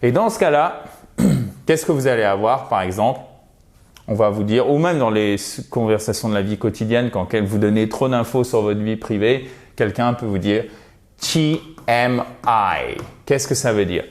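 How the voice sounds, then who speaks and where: A man with a French accent giving an online English lesson, explaining grammar in a lively teaching manner and slowing down to model example phrases. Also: on the low side.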